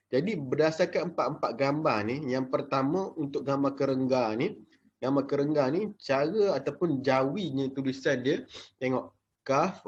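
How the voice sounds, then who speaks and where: A young man with a Malaysian Malay accent teaching a casual Jawi lesson to children, chatty and full of fillers, sounding out syllables slowly. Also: mid-range voice, a little mellow, slightly rough, muffled recording.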